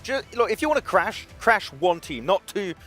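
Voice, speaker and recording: A man on an esports analyst desk, giving energetic, quick tactical breakdowns in a broadcast studio. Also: high-pitched, soft background music.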